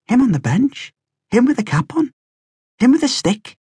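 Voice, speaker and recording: An excitable young boy, his voice pushed up high and breathless as he calls out and insists, as a man puts him on in an audiobook. The delivery is dry and close, with no room sound around it. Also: moderate pace, gravelly, slightly rough, no room sound, exaggerated voice. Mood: excited.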